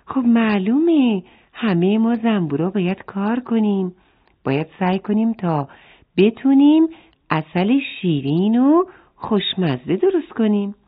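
A hurried little bee from a children's storybook, speaking in a high, lively voice, as a woman puts it on. The sound is narrow and phone-like. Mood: busy.

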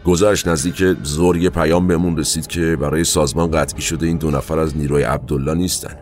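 Very deep-voiced man recalling his past. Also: steady tone, darkish tone, soft background music. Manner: colloquial, with halting asides and trailing fillers. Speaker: narrator recounting his own past. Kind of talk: first-person spoken recollection.

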